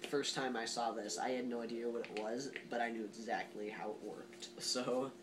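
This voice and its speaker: A man's voice: mid-range voice, fairly even intonation, moderate pace, heavy background noise. A man giving a casual, rambling gear review as a reviewer, informal and emphatic with plenty of hyperbole. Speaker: gas mask reviewer.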